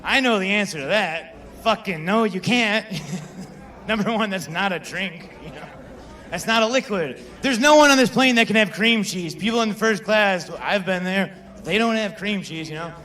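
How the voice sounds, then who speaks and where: A man's voice: high-pitched, moderate pace, pushed and bright. A young man performing a stand-up comedy set, telling stories in a conversational way and talking with the crowd. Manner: conversational storytelling with crowd work.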